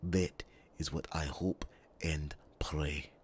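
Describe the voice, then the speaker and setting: Here a man takes the part of a grave, resolute warrior in fantasy ASMR, talking slowly and solemnly with dramatic pauses. His tone stays steady, carried on a breathy, gravelly rumble that feels intense and imploring.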